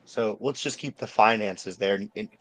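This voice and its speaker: A male talk show co-host with a lowish, slightly bright voice speaks at a moderate pace in casual conspiracy chat. He's insistent and rambling, foul-mouthed and profane, and he repeats himself.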